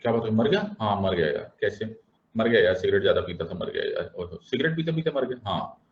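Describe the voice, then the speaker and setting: A man teaching a classroom lecture, animated and repeating checks on whether everyone understands, switching between Hindi and English. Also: lowish voice, fast. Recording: roomy, dull classroom sound.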